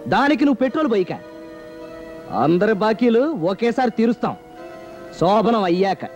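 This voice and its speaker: An actor playing a flustered, wisecracking young bridegroom in a film comedy, with quick, exclamatory delivery. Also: male voice, sits high, lively intonation, over music.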